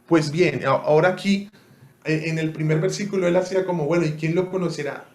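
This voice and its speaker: Young man, slightly high voice, casual Bible teacher checking in with listeners. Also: fairly even intonation, brisk. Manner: conversational, asks listeners often. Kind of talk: interactive online Bible teaching.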